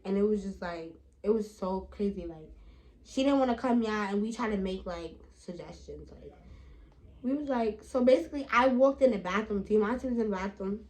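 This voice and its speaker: A woman's voice: medium pitch, normal speed, a little mellow, low-quality recording. A young woman, telling a trip story in slangy casual chat with many asides to viewers. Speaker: vlogger.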